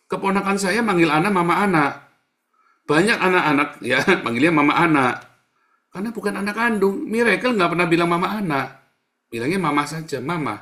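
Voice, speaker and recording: A male pastor preaching in a colloquial, teasing manner, jumping between loud bursts and hushed asides. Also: high-pitched, expressive, fairly quick. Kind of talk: sermon.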